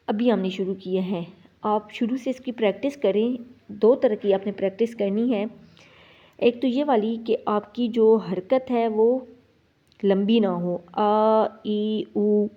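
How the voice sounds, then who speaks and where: A woman teaching Quran reading as a slow lesson, patiently repeating syllables for students to copy. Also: fairly high pitch. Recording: slightly dull lo-fi sound.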